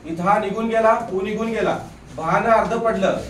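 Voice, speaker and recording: A man's voice: high voice, moderate pace, recorded from a distance, a little hiss or hum. A man teaching a grammar lesson in a classroom, drilling students with repeated questions and teasing them now and then. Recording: echoey room, voice off-mic.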